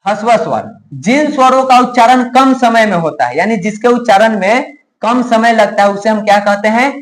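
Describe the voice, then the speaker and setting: A male teacher giving a grammar lesson to a class, drilling sounds slowly and often asking the students if they have understood. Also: sits high, lively intonation, poor audio. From India. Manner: asks students frequent check questions.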